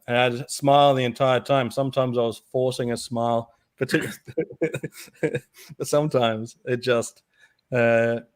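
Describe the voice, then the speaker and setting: A man co-hosting a casual podcast chat, telling animated stories and laughing often. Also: medium pitch, no room sound, studio quality. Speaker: podcast co-host.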